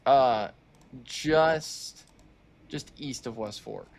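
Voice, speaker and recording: A man's voice: mid-range voice, extremely slow, vocal fry. Cautious man tracking storms live. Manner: cautious, hedging, thinks aloud. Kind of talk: live weather commentary.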